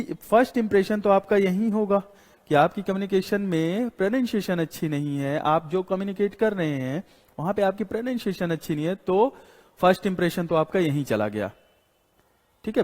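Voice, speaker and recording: A male teacher giving a classroom lecture. He explains slowly, repeats his points and keeps asking "got it?", mixing English words into Hindi. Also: high-pitched, a little mellow. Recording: long hall reverb.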